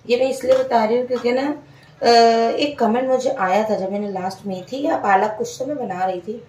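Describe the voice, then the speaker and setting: A woman's voice: on the high side, moderate pace, darkish tone. A woman, casually narrating a home cooking vlog and explaining each step to her viewers. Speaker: home cook vlogger. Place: home kitchen. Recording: echoey kitchen, mic far off.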